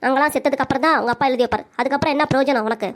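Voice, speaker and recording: திருநெல்வேலி வட்டார வழக்கில், கேலியும் திட்டுமாகப் பேசும் வயதான சூழ்ச்சிக்கார மாமியாராக ஒரு பெண் குரல் கொடுக்கும் cartoon. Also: female voice, sits high, very fast, close to an everyday voice. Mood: mocking. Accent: Tirunelveli Tamil. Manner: taunting, scolding. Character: sharp-tongued scheming older mother-in-law. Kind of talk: cartoon comedy voice acting.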